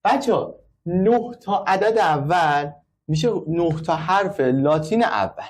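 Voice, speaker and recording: A man with a somewhat high voice explains braille to a class. He works step by step and counts out the numbers methodically. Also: lively intonation. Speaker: braille teacher. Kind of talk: classroom lesson.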